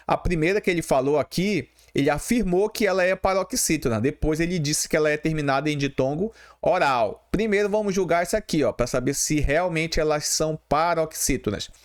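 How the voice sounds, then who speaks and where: Brazilian man teaching exam grammar, fairly high voice. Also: expressive, fairly quick, few pauses. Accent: Brazilian Portuguese. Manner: patient, repeats key terms, checks in with "tá bom?". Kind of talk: explaining grammar questions.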